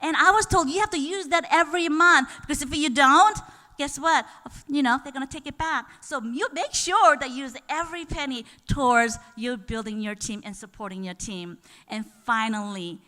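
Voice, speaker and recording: A woman's voice: sits high, normal speed. A woman giving an enthusiastic live presentation at a sales seminar, often putting questions to the audience. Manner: enthusiastic, rising to excited bursts; chatty, asks the room questions. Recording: reverberant hall.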